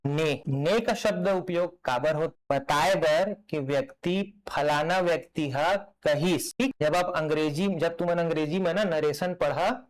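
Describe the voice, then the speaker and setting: A man with a Chhattisgarhi accent giving a classroom lecture, animated and repeating words to drill their pronunciation. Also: on the high side, rough recording. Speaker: teacher.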